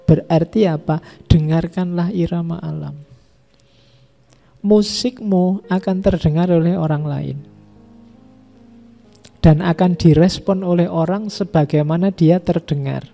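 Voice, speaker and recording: A man giving a relaxed, conversational philosophy lecture in a mosque, listing ideas one by one. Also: a little high, a little slow, creaky, pauses often, soft background music. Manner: conversational, repeats and lists ideas. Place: mosque hall.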